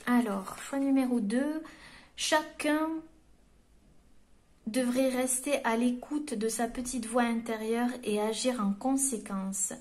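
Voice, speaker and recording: Gentle, encouraging French woman reading cards. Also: fairly high pitch. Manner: gentle and encouraging, reads quotes aloud then explains them. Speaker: medium giving a card reading. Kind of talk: spiritual card reading to viewers.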